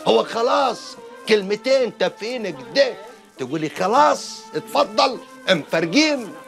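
A man's voice: sits high, sing-song, normal speed, vocal fry, a bit bright, faint music behind, exaggerated voice. An actor playing an uncle who scolds and soothes his angry niece. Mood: placating. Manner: placating, scolding. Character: gruff uncle trying to calm his niece.

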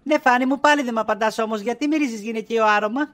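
A woman's voice: fairly high pitch, natural voice. A woman playing a middle-aged wife in a comedy sketch, insistent and accusing as she nags her husband.

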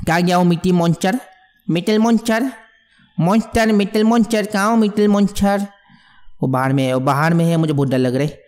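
A man giving jumpy, excitable let's play commentary on a horror game, mixing English words into his talk. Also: sits high, in a large hall. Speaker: gamer.

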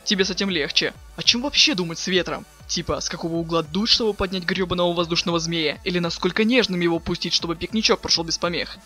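In a dramatic reading from a webcomic dub, a man voices a sardonic, slangy teenage boy, firing off lines quickly in a sharp, highish voice. The character comes across as impatient and too cool to care, with faint music playing behind the webcomic chat.

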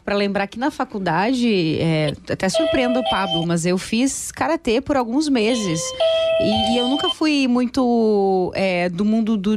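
A woman from Brazil hosting a radio interview, chatty and affirming in a conversational way. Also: medium pitch. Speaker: radio show host.

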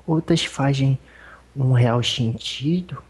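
A medium voicing an old male spirit elder with a Brazilian accent, speaking in a husky, folksy, rambling way during a religious consultation. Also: medium pitch, slow, darkish tone. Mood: fatherly. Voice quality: husky, rambling, folksy speech with fond asides.

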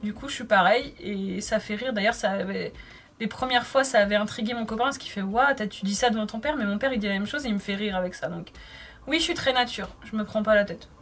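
A woman's voice: medium pitch, fast talker, a bit bright. A woman in her thirties chatting casually while doing her makeup, reading viewer comments aloud and answering them. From France. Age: 30s. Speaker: makeup vlogger.

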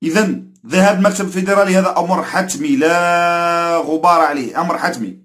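In a fast, fairly high, slightly bright voice, a football commentator with an Algerian Arabic accent pours out an emphatic football opinion rant to camera. His delivery is repetitive and full of indignant warnings.

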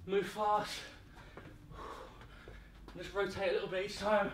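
Out of breath guy barking workout cues, bright forceful voice, echoey gym from far off. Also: high-pitched, level tone, slow pace. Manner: short barked cues and counting while exercising. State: out of breath from exercise. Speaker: fitness coach leading a workout. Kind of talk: live workout instruction. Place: medium-sized indoor gym studio. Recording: roomy echo, distant mic, faint noise.

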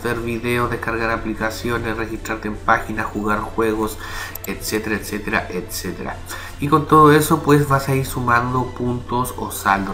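A man with a somewhat low voice narrates a screen recording, walking viewers through a website in a relaxed, explanatory way. He keeps checking in with quick asides to his audience. Music plays clearly beneath his desktop-mic voice. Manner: casual, explanatory, frequent "¿ya?" and "¿vale?" check-ins. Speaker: tutorial host. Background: background music.

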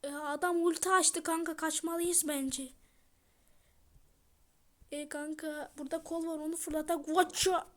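A woman with a very high, piping voice plays all the parts of a homemade game drama herself. She talks slowly and unhurriedly, but keeps breaking into heated, slangy shouting. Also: level tone, slight background noise. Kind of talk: amateur game drama voicing all roles.

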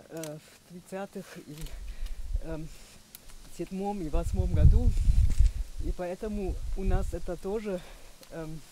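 A middle-aged German woman with a German accent speaks hesitantly in a non-native language, searching for words, at an outdoor gathering. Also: on the low side. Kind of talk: halting, unscripted speech at a memorial gathering. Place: outdoors in a park by memorial stones. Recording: clear outdoor background noise.

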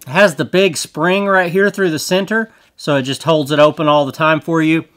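A man's voice: on the high side, fairly even intonation, moderate pace, a bit bright. A middle-aged man casually explaining and demonstrating a tool in a small indoor studio, chatty and folksy. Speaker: tool reviewer. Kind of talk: casual product demo.

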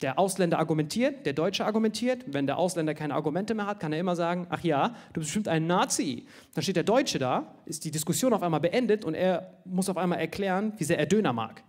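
A fairly high-voiced man from India doing a stand-up comedy set. He is animated and jokey, and keeps dropping quick tag questions to the crowd.

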